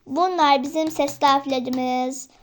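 A woman's voice: high voice, fairly even intonation, unhurried. A young woman chatting casually to her viewers as friends while explaining an alphabet she is learning herself, with hesitant fillers between her points. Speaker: vlogger teaching herself Korean. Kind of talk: casual tutorial vlog.

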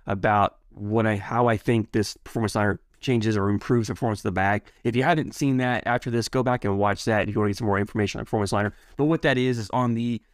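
Guy reviewing gear, talks quick and excited, lots of restarts, dry close sound. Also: lowish voice, no room sound. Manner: enthusiastic, rambling with restarts and repeated words. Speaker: product reviewer. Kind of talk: casual product review.

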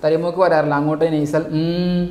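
A man's voice: a little high, flat delivery, normal speed, a little mellow. A man teaching an online class, asking rhetorical questions and answering them himself. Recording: echoey room.

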